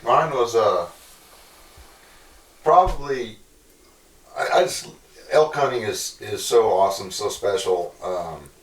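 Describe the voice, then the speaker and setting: Deep voiced guy, earnest, keeps repeating himself, sounds far off and echoey. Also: slow pace, long pauses. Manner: earnest, repeating words as he thinks. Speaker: guest hunter. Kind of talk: casual reflection.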